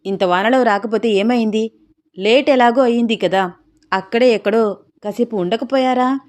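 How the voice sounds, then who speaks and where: A fussing, caring middle-aged mother in a storybook romance, pitched a touch higher and louder than the narration. A woman puts her on. She clucks over the young ones with motherly concern. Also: moderate pace, close to an everyday voice.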